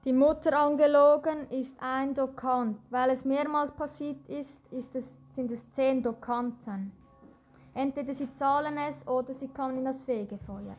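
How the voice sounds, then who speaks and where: A woman's voice: high-pitched, fairly even intonation, moderate pace, darkish tone, faint music behind, natural voice. A woman playing a stern, businesslike medieval indulgence seller, declaring threats in an amateur audio play.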